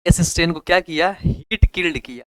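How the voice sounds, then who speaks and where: Young man, Hindi accent, high voice, chatty biology teacher, keeps repeating questions, clean dry close sound. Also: a little fast, a bit bright, no echo. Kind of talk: casual classroom lecture.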